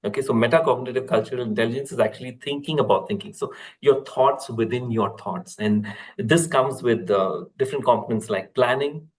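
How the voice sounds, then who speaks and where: A man, a corporate trainer explaining a lesson in a webinar, steady and explanatory with frequent fillers and restarts. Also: medium pitch, a little fast, rough recording.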